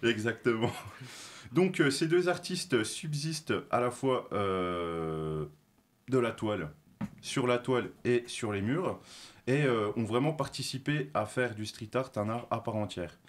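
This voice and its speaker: A man's voice: medium pitch, animated, measured pace. A man presenting a segment on a talk show, explaining from his notes with a lot of filler sounds, self-corrections and light self-mocking asides.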